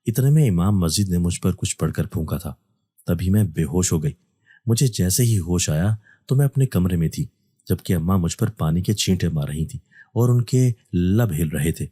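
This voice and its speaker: A man narrating a first-person horror story in a steady, even storytelling delivery. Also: deep voice, slightly rough.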